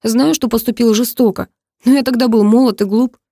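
A woman's voice: a little high, fairly even intonation, brisk, dark tone, no room sound, studio quality, voice pushed up. A woman voicing an insistent young man. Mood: pleading. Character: young man, cold, then pleading ex-lover.

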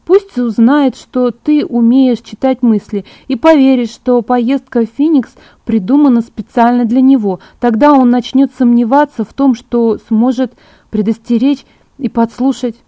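Woman reader doing an anxious teenage girl, insistent, pleading, higher voice, mellow, dry audiobook read. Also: measured pace, no echo, natural voice. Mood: persuading.

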